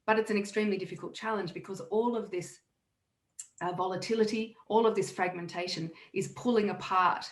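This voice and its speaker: A woman's voice: mid-range voice, steady tone. Woman answering questions in an echoey room. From Australia. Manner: measured, analytical, frequent restarts. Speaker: expert speaker answering questions. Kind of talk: webinar Q&A answer.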